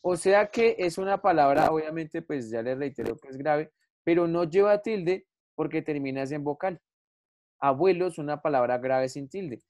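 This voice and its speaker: A woman's voice: low-pitched, moderate pace, darkish tone. A woman teacher, patiently explaining a grammar lesson to her students and calling them affectionate names. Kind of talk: classroom lesson on Spanish grammar.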